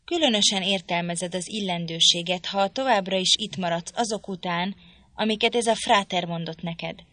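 A cold, formal gentleman scolds in stiff, reproachful tones, as a woman reader gives him voice. The voice stays low and bright, recorded close and dry for an audiobook. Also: no room sound. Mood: stern. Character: stern, indignant gentleman husband, cold and formal.

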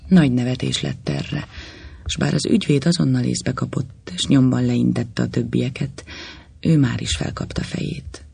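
A man narrating a literary story in a measured, expressive way. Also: mid-range voice, creaky, slightly rough.

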